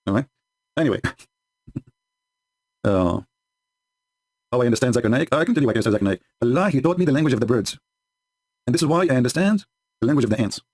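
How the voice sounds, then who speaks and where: A man's voice: medium pitch, a little mellow, slightly rough. A man whose first language is not English, hosting a livestream and mocking his opponents sarcastically, with frequent laughs and broken English. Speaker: host.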